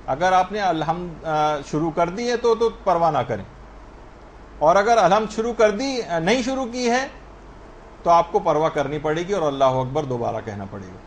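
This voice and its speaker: A man's voice: fairly high pitch, animated, a little hiss or hum. A man giving a religious lesson on prayer rulings, explaining step by step and answering questions he raises himself. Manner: spells out correct pronunciation slowly. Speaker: religious teacher.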